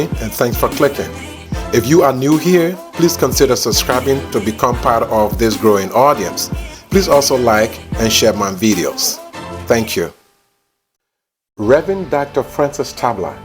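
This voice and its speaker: A man hosting his own interview channel, introducing his guest in a formal, deliberate way. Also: mid-range voice. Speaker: interview host, YouTuber.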